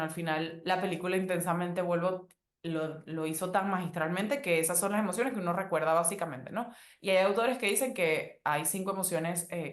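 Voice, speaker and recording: Woman chatting on her podcast, gentle and easygoing, lots of ums, a bit of room echo. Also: mid-range voice. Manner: gentle, conversational, many fillers. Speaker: podcast host. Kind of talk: casual advice podcast monologue. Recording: roomy echo.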